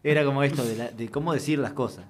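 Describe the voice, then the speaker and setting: A man's voice: medium pitch, fast, soft background music. A man with a Rioplatense Spanish accent co-hosting a casual podcast chat, joking and laughing often. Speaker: podcast co-host.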